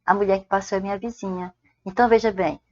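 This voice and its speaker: A woman's voice: medium pitch, fairly even intonation, a little mellow, dull audio. A Brazilian woman teaching Portuguese grammar, drawing out example sentences word by word and checking in with "certo?". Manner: slow, deliberate dictation of examples, frequent "ó" and "certo?". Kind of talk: spoken grammar lesson.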